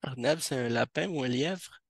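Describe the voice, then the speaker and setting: A man teaching Arabic grammar to a class, explaining slowly with frequent hesitations. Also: mid-range voice, creaky, husky, no room sound, clean studio sound. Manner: slow, hesitant explaining with many fillers. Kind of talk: classroom lesson. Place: mosque classroom.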